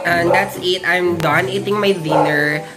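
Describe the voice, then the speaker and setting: A young Filipino woman chats to a phone held at arm's length, mixing Tagalog and English. Her voice sits somewhat low and she takes her time, restarting phrases as she goes. Loud music plays behind her. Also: steady tone. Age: 20s. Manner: halting, self-correcting second-language English. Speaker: vlogger. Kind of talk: casual vlog chat.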